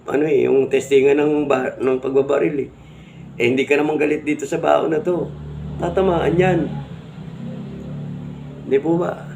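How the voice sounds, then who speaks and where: A man's voice: mid-range voice, gravelly, darkish tone, a little hiss or hum. A middle-aged man with a Filipino accent explains amulets to viewers in casual talk, repeating points and asking if they understand. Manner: repetitive, rhetorical, keeps asking viewers to agree. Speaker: amulet vlogger.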